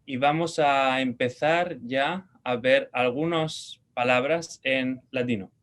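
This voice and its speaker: Slightly bright and medium in pitch, a Spanish man's voice leads a language lesson. He patiently repeats words slowly so learners catch the pronunciation, and he checks in with quick questions.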